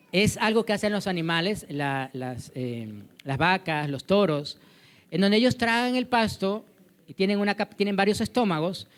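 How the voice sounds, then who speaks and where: A man preaches a sermon to a church congregation. He weaves personal anecdotes and light humor into his message. His voice swells louder on the key points. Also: high voice. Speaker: pastor.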